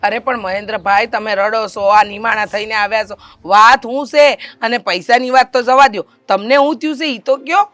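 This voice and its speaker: A woman playing a bright, caring housewife. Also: fairly high pitch, fairly even intonation, normal speed, few pauses, no echo, close to an everyday voice. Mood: concerned. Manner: concerned, coaxing. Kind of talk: rural family stage drama.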